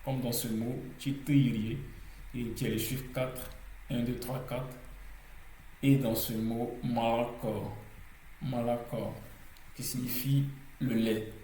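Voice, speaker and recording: A man's voice: mid-range voice, flat delivery, measured pace, mellow, roomy sound, slight background noise, low-quality recording. A man teaching a language lesson in French, explaining pronunciation rules step by step with frequent hesitations, repeating words to drill them.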